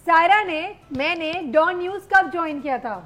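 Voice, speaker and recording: A woman's voice: very high voice, a bit bright. A woman hosting a live morning TV show, taking calls in an upbeat way and mixing English words into her talk. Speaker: host. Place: TV studio.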